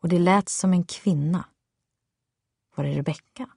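A Swedish woman reads a first-person story aloud in a steady, tense manner. Her voice is low, and the recording is close and dry with no room sound. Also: gravelly, breathy edge, dry recording. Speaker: audiobook narrator. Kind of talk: first-person memoir narration.

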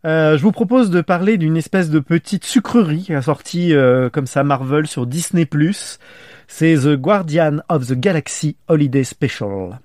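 A man's voice: a little high, moderate pace, a little mellow, no echo, clean studio sound. A man with a French accent hosting a casual film discussion podcast, rambling and self-correcting as he talks. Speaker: podcast host.

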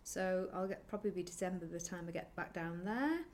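A woman's voice: on the low side, a little mellow. A young woman co-hosting a podcast, chatting casually and laughing often. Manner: chatty, giggly, quick to laugh. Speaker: podcast co-host. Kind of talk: casual chat.

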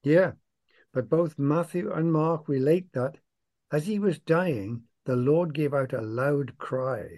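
A man with a mellow, warm tone guides a Bible discussion. He affirms his partner's points and leads into each reading. His voice sits a little higher than most men's. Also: takes it slowly. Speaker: Bible study co-host.

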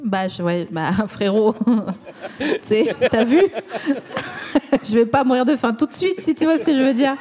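A woman's voice: on the high side, normal speed, long pauses, dark tone. A woman from the Vosges with a Vosges accent, hosting a podcast in a loose, teasing and rambling way. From Vosges, France. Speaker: podcast host. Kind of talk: casual chat.

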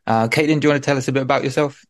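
A man with a mid-pitched voice hosts a podcast conversationally. The sound is very dry, with almost no room in it. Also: fairly even intonation, very fast, no room sound. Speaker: podcast co-host, surgical trainee.

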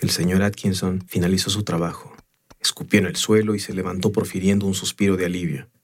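A man narrating a story in the first person in a measured, unhurried way. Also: low-pitched, little pitch movement. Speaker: audiobook narrator.

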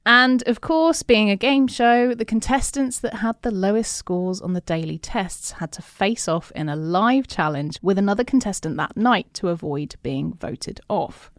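A woman's voice: medium pitch, normal speed, hardly any pauses, no echo, studio quality. A woman co-hosting a podcast, reading from notes in a giggly, chatty way with frequent laughs. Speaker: podcast co-host. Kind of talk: reading notes mixed with casual chat.

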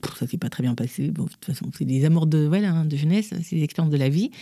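A woman's voice: low voice, fast, no room sound, clean studio sound. Woman from Gabon telling her story. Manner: lively, acts out quoted voices. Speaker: guest. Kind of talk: candid personal storytelling.

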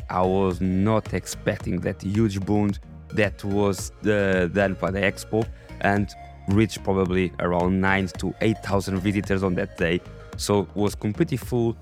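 A man with a raspy voice and non-native English, hosting a podcast in a scripted narration style. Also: on the low side. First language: not English. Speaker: podcast host.

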